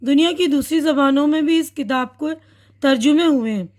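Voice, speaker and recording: Woman, teacher, high voice, patient classroom explanation, repeats and self-corrects. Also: darkish tone.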